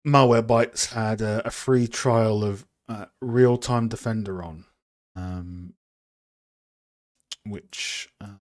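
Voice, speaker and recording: A man's voice: on the low side, steady tone, takes it slowly, pauses often, a little mellow. A man hosting a casual live stream, chatting with viewers in a rambling, self-deprecating way while working on a model. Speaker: streamer and game art host.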